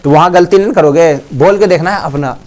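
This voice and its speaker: A man's voice: a little high, darkish tone. A male teacher with a Bihari accent giving a classroom lesson, sounding out letters and quizzing his students. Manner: drills sounds slowly, quizzes students often. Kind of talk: classroom Hindi pronunciation lesson.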